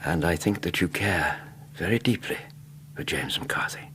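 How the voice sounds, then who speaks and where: An actor with an English accent playing a courteous, kindly doctor in a radio drama, reassuring and gently probing. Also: male voice, low-pitched, normal speed, in a whisper. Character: Doctor Watson, courteous, kindly male physician and investigator's companion.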